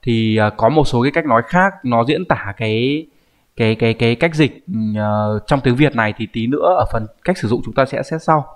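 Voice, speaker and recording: A man's voice: medium pitch, moderate pace. Patient male teacher. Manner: explains patiently, often checks in with the viewer. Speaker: Japanese language teacher. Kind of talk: online grammar lesson.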